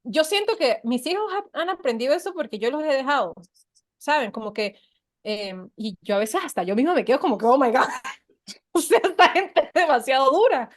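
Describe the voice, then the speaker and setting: Woman, mother, podcast co-host, high pitch, hesitant, emotional, quotes her kids. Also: lively intonation, brisk. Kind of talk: casual podcast discussion.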